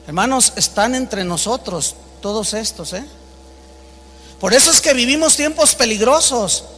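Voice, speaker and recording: A man's voice: very high-pitched, animated, unhurried, a bit bright, in a large hall. A man with a Mexican Spanish accent preaching an emphatic sermon as pastor, acting out the voices in his stories.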